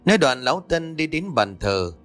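A man reading a scripted horror story in a steady, suspenseful way. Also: fairly high pitch, moderate pace, soft background music.

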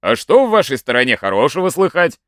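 A man's voice: medium pitch, big pitch swings, quick pace, a bit bright, no echo, studio quality. A man voicing a fussy, fretful old peasant father in a folk tale, grumbling and exclaiming. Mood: calm.

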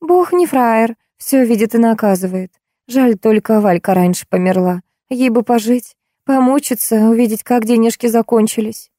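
A woman's voice: on the high side, animated, normal speed, warm tone, no echo, clean studio sound, voice pushed up, lightly acted. A woman voicing a shabby, spiteful drunk woman of about fifty, gloating in a storybook reading. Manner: gloating, mocking.

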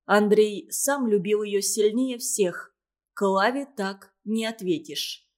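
A woman narrating a novel in a steady, expressive storytelling manner. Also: medium pitch, slow. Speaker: audiobook narrator.

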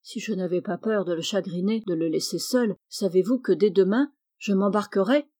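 An impatient teenage boy eager to see the world, read aloud by a woman, speaking with excitement. The voice stays warm and mellow at a middle pitch. A storybook reading. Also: normal speed, lightly acted. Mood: restless.

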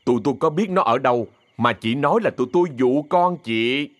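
A man voicing a fierce older woman who runs a theater troupe, cursing and yelling threats in a Southern Vietnamese accent. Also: medium pitch, lively intonation, a little fast, no room sound, lightly acted. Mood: indignant.

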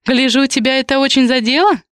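A woman reading an audiobook, voicing a lovestruck young woman in a lighter, higher tone. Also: moderate pace, clean tone, no echo, studio quality, close to an everyday voice. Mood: teasing. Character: young woman, teasing yet tender, lovestruck.

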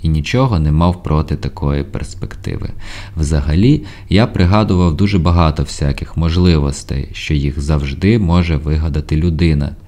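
A man reading an audiobook in first person, in a measured storytelling voice with ironic asides. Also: extremely low pitch, dark tone. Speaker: audiobook narrator. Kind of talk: scripted first-person narration.

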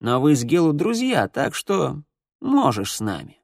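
Storybook villain kid, tall and cold teen boy, slow quiet threats, voiced by a man reading aloud, dry close sound. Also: fairly high pitch, wildly swooping pitch, creaky, dry recording, voice pushed up, full character voice. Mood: menacing. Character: tall menacing teenage boy gang leader, cold.

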